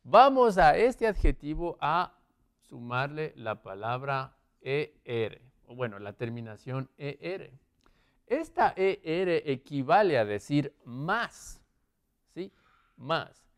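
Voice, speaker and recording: A man's voice: on the high side, sing-song, slow, clear, resonant tone. A male English teacher giving a classroom lesson, often checking in with his students and moving around as he writes on the board. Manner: checks in with frequent "¿sí?" and "¿ok?"; moves around while writing on the board.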